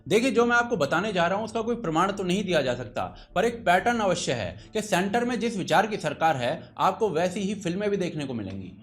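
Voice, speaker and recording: A video essay host with an Indian accent presents a scripted explainer in an emphatic, opinionated storytelling manner. His voice sits high and sing-song, moving a little fast with hardly any pauses.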